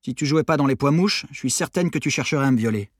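A man's voice: medium pitch, expressive, quick pace, no echo, pitched above the performer's own voice, lightly acted. A man reading an audiobook, voicing a tall, blasé teenage girl who speaks in a dry, mocking way.

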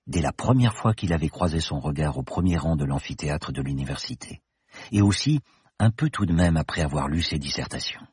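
A man narrating an audiobook in an even storytelling delivery. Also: rumbling low, brisk, slightly rough, dry recording, clean studio sound.

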